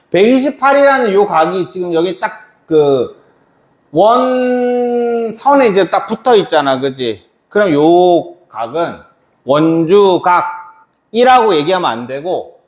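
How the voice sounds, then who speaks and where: A man teaching a math lesson to a class, chatty and quizzing students by name. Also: high voice. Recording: echoey classroom.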